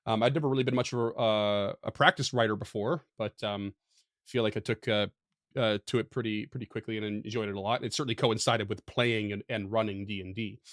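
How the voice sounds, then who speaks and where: A man's voice: on the low side, fairly even intonation, fairly quick, a bit bright, no echo, studio quality. A man co-hosting a podcast, talking casually with many fillers and restarts, laughing often. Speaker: podcast co-host. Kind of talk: casual chat.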